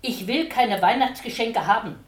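A woman's voice: medium pitch, very animated, unhurried, a little mellow. Woman voicing a hurt little boy, trembling and pleading, storybook reading with room echo. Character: small boy, sulky and tearful. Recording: roomy echo.

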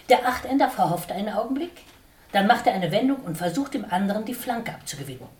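A woman reading nature stories aloud with expressive, lively storytelling. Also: medium pitch. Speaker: reader. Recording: roomy, distant mic.

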